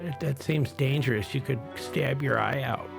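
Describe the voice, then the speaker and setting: A man's voice: medium pitch, normal speed, creaky, over music. A man playing a rambling interview guest in a comedy podcast, stammering and repeating words.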